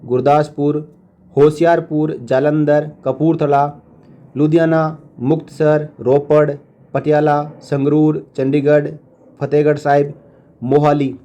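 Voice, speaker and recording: A man with a fairly high, mellow voice reads out a long list of places. His delivery is very slow and steady, with short casual asides between the items. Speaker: channel host.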